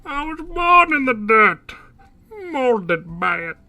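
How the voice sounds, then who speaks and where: A man's voice: very animated, slow, pushed and bright, heavily acted. A game streamer voicing a menacing masked male villain, talking into a paint cup so the voice sounds muffled and hollow. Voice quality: boomy, hollow through the cup. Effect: voice talked into a paint cup, muffled and hollow.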